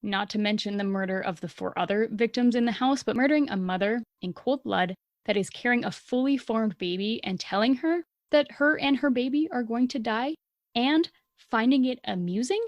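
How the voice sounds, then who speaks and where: A young adult woman co-hosts a podcast, casually recounting a true-crime story and reacting with blunt, indignant anger and plenty of swearing. Her voice runs on the high side at a normal speed. The sound has no echo, but the highs are cut off.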